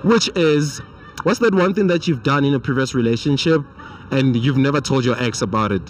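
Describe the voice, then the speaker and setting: A man's voice: medium pitch, fairly quick, distant mic, slight background noise. A young man with a South African accent, playfully teasing as a street interviewer and mixing English with Zulu, recorded on a handheld mic outdoors.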